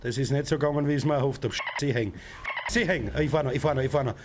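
A young man with an Austrian accent commenting on a driving game from his home setup, who often shouts and swears at other drivers. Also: medium pitch, rapid-fire, background noise. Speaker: gaming streamer. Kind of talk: let's play commentary. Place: home gaming room. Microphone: desk mic with headset.

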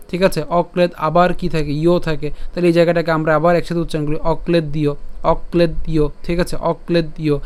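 Male recitation teacher, clear resonant tone and slightly high pitch, patient and repetitive, voicing over slides and sometimes chanting. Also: a little mellow. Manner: patient, repeats each word and syllable slowly, checks with "right?"; chants the verse in a sung melody. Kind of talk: slide-based pronunciation lesson.

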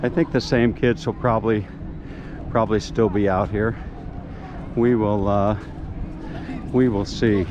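A man's voice: on the low side, fairly even intonation, unhurried, long pauses, muffled recording. A middle-aged man chatting casually in a rambling way, full of fillers and restarts, for his vlog outdoors on a beach jetty. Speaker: vlogger. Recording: outdoor recording with noise.

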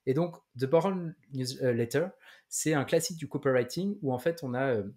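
A man's voice: medium pitch, normal speed, a little mellow. A man co-hosting a tech podcast, chatting casually with many fillers and restarts. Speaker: podcast co-host. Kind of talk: casual chat.

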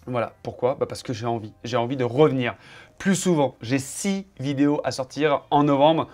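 A man's voice: medium pitch, moderate pace, darkish tone. A man in his home office chatting casually to camera, showing off his setup and teasing his cameraman in a playful, joking way.

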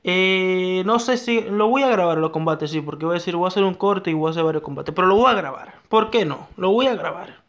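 A young man giving excitable live gameplay commentary, talking to himself and his viewers and repeating his phrases. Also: high-pitched, brisk, hardly any pauses. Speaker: gaming YouTuber.

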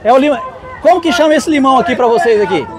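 Talking fast in a very high-pitched, expressive voice, a Brazilian man hosts a vlog from an outdoor street market. He speaks straight to his viewers with casual enthusiasm as he walks, surrounded by a bustling crowd and passing vehicles.

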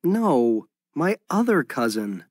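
A man's voice: fairly high pitch, sing-song, very slow, a little mellow, no echo, clean studio sound, full character voice. An actor voicing an insecure jealous young man in a scripted textbook dialogue, sulky and whiny.

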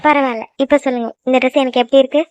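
A jealous young girlfriend in a cartoon, voiced by a woman in a high, rapid voice. She scolds and sulks in quick bursts. The sound is dry and close, with no room around it. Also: steady tone, darkish tone, no echo, highs cut off, lightly acted. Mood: curious, pleading. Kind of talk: cartoon voice acting.

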